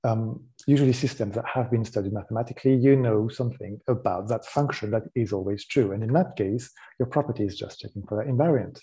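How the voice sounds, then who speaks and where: A man's voice: lowish voice, fast talker. French-accented man giving a tech talk. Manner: relaxed explanatory, frequent ums and restarts. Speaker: conference speaker. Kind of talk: technical conference talk.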